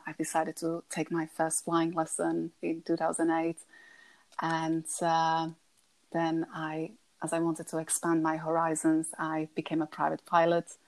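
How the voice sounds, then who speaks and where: A woman in her thirties from Slovakia with a Slovak accent, soft-spoken and hesitant as a podcast guest. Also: low-pitched. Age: 30s. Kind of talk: conversational interview.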